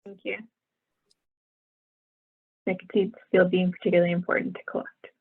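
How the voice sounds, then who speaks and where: Woman running a meeting over a tinny phone line, super gravelly husky voice, flat and businesslike. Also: lowish voice, fairly quick. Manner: even, businesslike, thanks each speaker. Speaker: meeting facilitator. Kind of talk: facilitating a work meeting.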